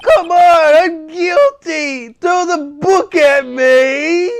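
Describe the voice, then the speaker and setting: A man voicing a timid, jittery young man who stammers and shouts shrilly, in a game played on stream. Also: very high voice, lively intonation, takes it slowly, voice pushed up, heavily acted. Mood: frantic.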